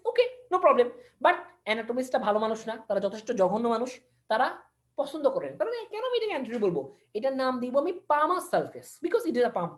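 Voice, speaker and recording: A woman teaching an online anatomy class, switching between languages for technical terms, repeating key words and quizzing her listeners. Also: fairly high pitch. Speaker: anatomy lecturer.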